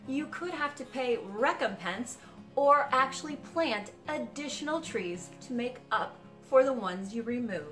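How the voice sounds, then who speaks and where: A woman in her forties hosts a home renovation series, speaking in a polished, upbeat presenter voice set a little high. She walks through a gutted house and records on a lapel mic. Light music plays faintly under her. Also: a bit bright. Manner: upbeat, clear presenter delivery. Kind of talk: scripted presenting to camera.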